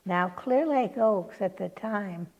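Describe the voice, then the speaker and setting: A woman reminisces in an interview, speaking haltingly with pauses, in a slightly dull recording. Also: mid-range voice, lively intonation, a little mellow. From California, United States. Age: 80s. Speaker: oral history interviewee.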